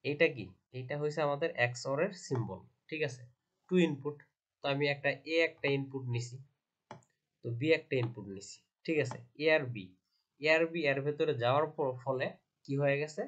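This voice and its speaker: A man's voice: mid-range voice, normal speed, a bit bright. A man teaching from slides, asking himself questions and repeating each point. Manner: repetitive, asks and answers own questions. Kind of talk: slide lecture.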